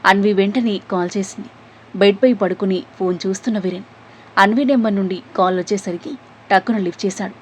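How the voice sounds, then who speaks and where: A woman's voice: medium pitch, fairly even intonation, fairly quick, a little hiss or hum. A woman narrating a serialized family drama story, reading the characters' lines herself.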